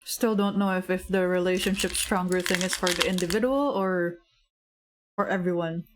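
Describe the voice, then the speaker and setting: A woman's voice: fairly even intonation, normal speed, slight background noise. Chatty woman streamer rambling through asides. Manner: chatty, rambling asides, sudden high squeaks of surprise. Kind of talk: casual game commentary while reading dialogue aloud. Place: home streaming setup.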